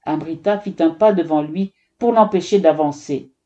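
A woman's voice: sits low, moderate pace, dark tone, lo-fi sound. A woman narrating a children's story expressively, giving each character a voice.

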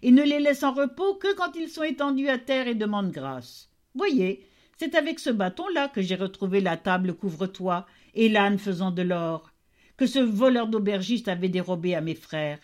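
A woman's voice: medium pitch, expressive, moderate pace, darkish tone, lightly acted. A woman voicing a boastful young male turner in a fairy tale reading. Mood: proud.

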